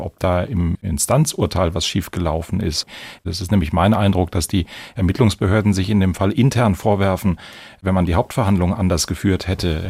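Gravelly low-voiced male podcast host. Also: a little mellow, dry recording. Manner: asks pointed follow-up questions. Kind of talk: conversational podcast interviewing.

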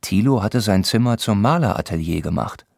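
A man narrating a novel in a measured, steady storytelling voice. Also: fairly low pitch, vocal fry, husky, no echo, clean studio sound. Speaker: audiobook narrator.

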